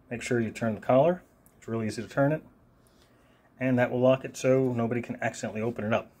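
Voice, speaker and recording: A man's voice: medium pitch, dark tone. A man giving an unscripted, one-take knife review, talking casually with a lot of ums and uhs. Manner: casual, rambling, many fillers. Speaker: product reviewer.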